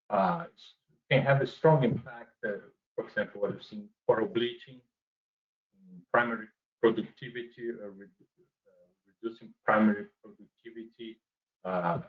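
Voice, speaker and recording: A man giving an academic seminar talk over a video call, his mic volume going up and down as he speaks, halting and repeating words as he explains. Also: fairly low pitch. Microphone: computer mic over a video call. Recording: dull lo-fi video call audio.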